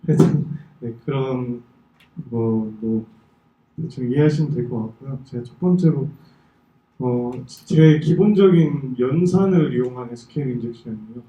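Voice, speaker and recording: A young man presents technical material in a very dark, muted voice. His articulation is a little impaired, as if numb from the dentist, and he often stops to hunt for words. The recording is echoey and distant from the microphone. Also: medium pitch, dull audio. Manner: slightly impaired articulation after wisdom tooth extraction; halting, searching for words. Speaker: conference presenter. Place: indoor talk venue.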